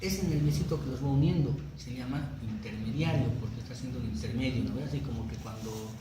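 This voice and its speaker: A man's voice: medium pitch, fairly quick. A man teaching anatomy to a class, conversational, often checking that students follow. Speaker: anatomy lecturer. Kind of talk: classroom lecture with jokes. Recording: very echoey room with background noise.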